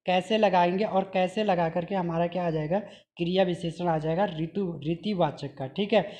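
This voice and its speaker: A man's voice: high-pitched, fairly even intonation, normal speed, mellow. A man teaching an exam-prep grammar lesson. He drills each point by asking his own questions, answering them, and repeating the examples. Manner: repeats examples and says "okay" often.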